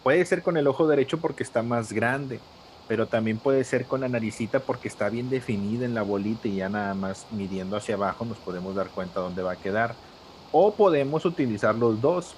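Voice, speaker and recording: A man's voice: on the low side, a little hiss or hum, rough recording. A man teaching a live drawing class, patient and step by step, calling on students by name.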